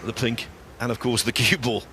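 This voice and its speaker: A man giving live snooker commentary in measured, wry phrases. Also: mid-range voice, steady tone, sharp tone. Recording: faint noise, audience sounds behind. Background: snooker hall crowd.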